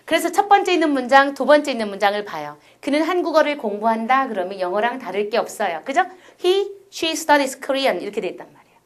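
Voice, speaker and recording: A woman's voice: high-pitched, big pitch swings, quick pace. A middle-aged woman giving a recorded university lecture, explaining step by step and often asking her listeners rhetorical questions.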